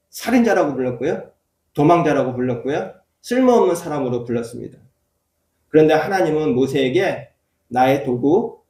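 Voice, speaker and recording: A man's voice: a little high, a little mellow. A man preaching as a church pastor, telling a personal story and then rising into emphatic preaching. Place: church sanctuary. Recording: echoey church hall, voice from far off.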